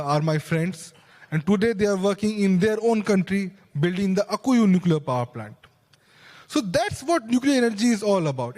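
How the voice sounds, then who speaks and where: A young man speaks earnestly on a conference panel, working through his points with quick restarts and asides. His voice sits a little high, and the handheld mic picks up a long reverb from the big hall around him. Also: a little mellow. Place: large conference stage hall.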